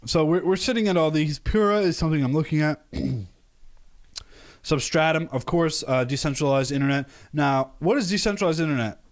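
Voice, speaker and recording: A man's voice: a little high, moderate pace. A young American man from the United States hosting a casual live stream, talking upbeat and rambling with many fillers and restarts. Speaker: crypto channel host.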